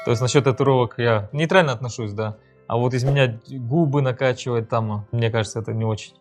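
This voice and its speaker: A man's voice: medium pitch, brisk, faint music behind. A man in his thirties answering in a casual couple Q&A, easygoing and hesitant with many fillers. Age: 30s. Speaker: interviewee, husband. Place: studio.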